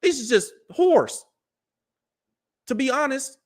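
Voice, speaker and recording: Talking slowly yet very animatedly, a man in his early thirties with a high voice hosts a live commentary show. He preaches directly at his audience and uses lots of street slang.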